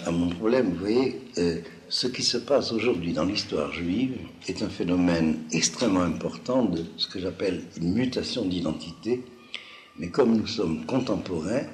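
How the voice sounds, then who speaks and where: A low-pitched Algerian man, a native Judeo-Arabic speaker with a slight southwestern French accent reminiscent of Toulouse, gives an unscripted, didactic lecture to listeners. He speaks haltingly with emphatic repetitions, and the recording has a roomy echo and faint background noise.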